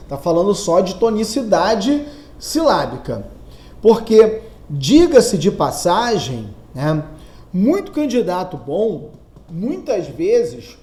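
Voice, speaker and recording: A male grammar teacher from Brazil explains step by step at an unhurried pace. His intonation rises and falls widely, and he often poses his students' questions himself before answering them. His voice has a warm, mellow color. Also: high voice. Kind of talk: recorded lesson for exam candidates.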